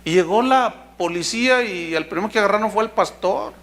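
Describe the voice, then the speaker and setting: A man's voice: high voice, fairly quick, a bit bright. A middle-aged man with a Mexican accent preaching a sermon as pastor, telling stories with humor and acting out the voices of the people in them. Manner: storytelling preacher who acts out quoted voices with humor.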